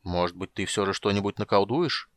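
Man doing big grumpy warrior guy, deep gruff mutter, dry. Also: a little fast, a bit bright, natural voice. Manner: grumbling, gruff. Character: burly male warrior, gruff, blunt, sulky.

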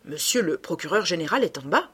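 A skeptical investigating judge, voiced by a woman in an audiobook. He speaks in a measured way. Her voice is husky and rather low. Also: big pitch swings, a bit bright, full character voice. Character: male investigating judge, middle-aged, skeptical. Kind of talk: audiobook reading.

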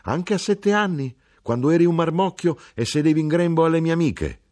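A man's voice: medium pitch, big pitch swings, unhurried, pitched above the performer's own voice. A man reading an audiobook voices a teasing, proud middle-aged Sicilian mother, with playful, mocking exclamations. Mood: exclaiming. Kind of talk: audiobook character voice.

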